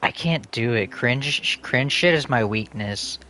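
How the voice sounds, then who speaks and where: A man's voice: mid-range voice, animated, a little slow, pushed and bright, a little hiss or hum. A man streaming a video game, chatting casually in a rambling, profane, joking way. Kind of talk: casual chat while gaming.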